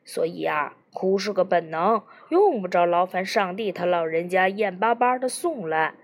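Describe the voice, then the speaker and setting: A woman's voice: on the low side, moderate pace. A woman reading the part of a cheeky, joking man with a folksy, teasing way of talking. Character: joking, cheeky middle-aged man in therapy. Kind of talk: audiobook character reading.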